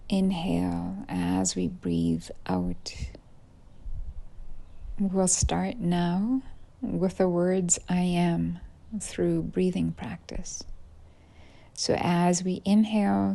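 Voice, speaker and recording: A woman with a lowish voice leads a yoga nidra session as a teacher, speaking in guided-meditation style. Her phrases end softly and breathily, separated by unhurried pauses.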